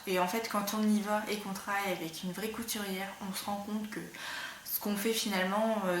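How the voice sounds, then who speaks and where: A woman hosting a knitting and sewing podcast in a casual, rambling chat, slightly hoarse as she loses her voice. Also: mid-range voice. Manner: chatty, rambling, many fillers. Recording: roomy room with faint background noise.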